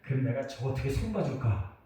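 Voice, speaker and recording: A middle-aged male pastor preaching a sermon and telling a personal story, with emphatic swings between loud outbursts and hushed asides. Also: medium pitch, expressive, fairly quick. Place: church sanctuary. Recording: echoey church hall from far off.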